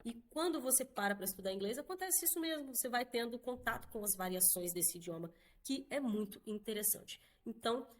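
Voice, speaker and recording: A Brazilian woman teaching an online English lesson in a casual, chatty way, often checking in with quick tag questions. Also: medium pitch. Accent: Brazilian Portuguese.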